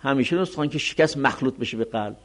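A man teaching a religious law lesson, reading classical text slowly and then explaining it quickly. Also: medium pitch. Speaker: seminary teacher.

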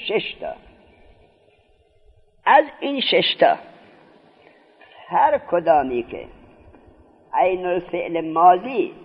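A man's voice: high-pitched, slightly rough. A man teaching a grammar lesson, putting questions to his listeners and then answering them himself, drawing out key terms. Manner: drawn-out, stressed key terms. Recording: dull lo-fi recording.

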